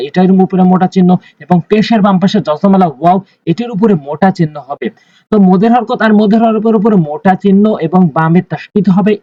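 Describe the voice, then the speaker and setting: A man teaching Quran recitation, slowly spelling out letters and drawing out the vowels, often repeating his instructions. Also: sits high, dark tone, dry recording, highs cut off. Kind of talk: Quran reading lesson.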